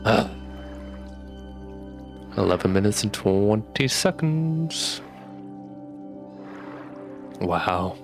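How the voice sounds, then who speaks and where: A young man doing casual let's play commentary, talking with retainers in his mouth and a little sick with a cough. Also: on the low side. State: getting over a sickness with a cough. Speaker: gaming streamer. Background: game music.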